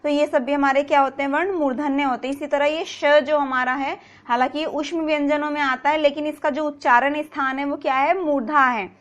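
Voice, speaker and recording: A woman's voice: high voice, steady tone, a little fast, hardly any pauses, muffled recording. A woman teaching a grammar lesson, patiently repeating example words and asking rhetorical questions. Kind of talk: explanatory video lesson.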